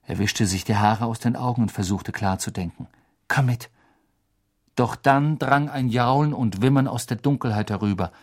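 A man narrating an audiobook in a dramatic, expressive storytelling manner. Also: medium pitch, a little fast, hardly any pauses.

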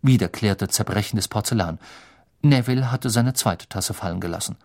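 A man narrating a fantasy novel as an audiobook in a calm, measured way. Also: on the low side, gravelly. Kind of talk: scripted narration.

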